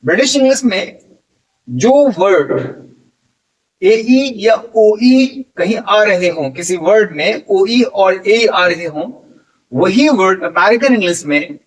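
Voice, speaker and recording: A man teaching as an English tutor, patiently explaining spelling rules step by step and spelling words out letter by letter. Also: high voice. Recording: voice a bit distant from the mic.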